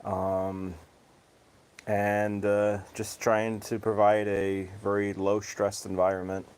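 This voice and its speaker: A man hosting a casual livestream with his cats, chatting easily and reading out viewers' comments in a self-described monotone voice. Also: lowish voice, slow pace, smooth. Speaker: livestream host. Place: home, cats outdoors.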